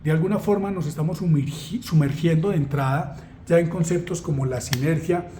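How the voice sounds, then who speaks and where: Chatty man, mellow voice. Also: on the high side, fairly quick, a little hiss or hum. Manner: conversational, self-deprecating, asks rhetorical questions. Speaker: trainer presenting a course unit. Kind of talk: explanatory lesson walkthrough.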